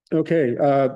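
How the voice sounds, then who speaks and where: A man's voice: a little high, dull audio. A man chairing a small-town board meeting, leading the discussion in a casual, agreeable way.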